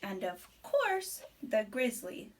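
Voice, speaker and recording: A woman reads a rhyming picture book to a little child with expressive, measured storybook delivery and chatty digressions. Her pitch is fairly high, and there is slight background noise.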